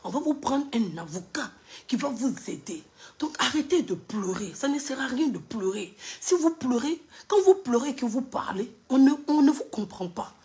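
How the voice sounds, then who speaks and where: A woman voicing an official who sternly questions someone and keeps repeating orders to calm down. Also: on the high side, normal speed, lightly acted. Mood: stern, insistent. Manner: firm, repeating commands.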